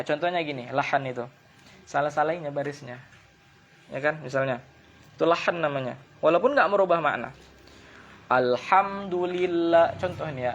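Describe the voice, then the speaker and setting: Ustadz teaching a kitab class, kinda high voice, dull lo-fi recording w/ faint room hum. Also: male voice. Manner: reads Arabic text slowly, then explains in quick colloquial asides. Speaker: religious teacher. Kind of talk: kitab study lesson.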